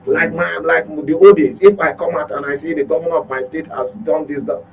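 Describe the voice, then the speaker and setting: A Nigerian-accented journalist offers opinionated current affairs commentary in a fairly high, steady voice at a brisk pace, captured in a rough recording. He speaks emphatically, repeating his points and posing rhetorical questions.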